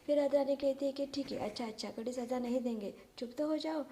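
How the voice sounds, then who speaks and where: A woman's voice: high-pitched, quick pace, mellow, a little hiss or hum. A woman teacher who retells a story for her pupils and stops often to explain words and idioms.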